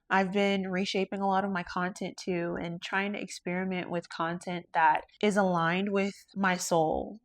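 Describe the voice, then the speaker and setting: A woman with a fairly low voice talks through her own podcast. She is earnest and introspective, and speaks about faith and her work as a lash artist in a thoughtful solo monologue. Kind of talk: reflective solo podcast talk.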